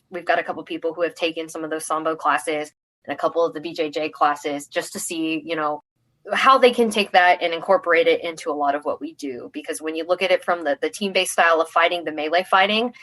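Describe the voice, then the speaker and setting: A young adult woman from the United States speaks in a fairly low voice. She is a guest on a casual podcast, upbeat and chatty, often restarting her sentences. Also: a bit bright. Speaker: guest, armored combat athlete. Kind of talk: casual interview.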